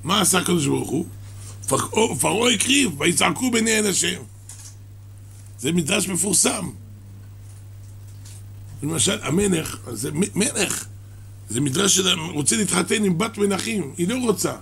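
A man giving a sermon that explains a midrash, halting and restarting his words and coughing now and then. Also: sits high, expressive, gravelly, fairly bright tone, husky. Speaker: religious teacher.

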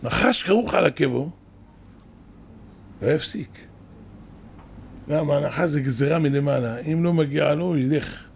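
A man's voice: on the high side, gravelly, long pauses, a little hiss or hum. A man, a rabbi, giving a sermon, telling stories with rising emphatic bursts.

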